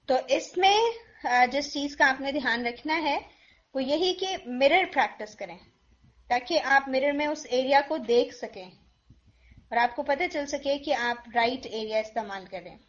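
High-voiced woman teaching pronunciation patiently. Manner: patient, demonstrates sounds slowly and repeats them. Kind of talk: explanatory lesson mixing Urdu and English. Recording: dull lo-fi recording.

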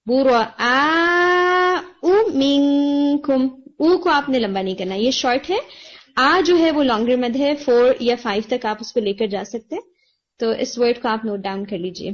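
A woman teaching Quran recitation online, patiently correcting a student and slowly modelling each word over a video call. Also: fairly high pitch. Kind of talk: online tajweed lesson, giving feedback. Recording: dull lo-fi call audio.

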